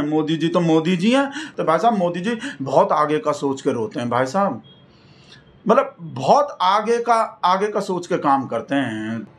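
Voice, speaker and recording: A man doing a satirical comic monologue, rambling in a mock-devoted way and repeating the same address over and over. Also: sits high. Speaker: satirical comedian in character.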